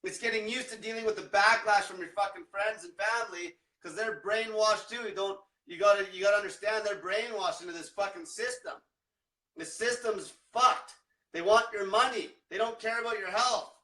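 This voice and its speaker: Profane ranting man, high bright voice. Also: moderate pace, reverberant, distant mic. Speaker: diet coach. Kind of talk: livestream rant.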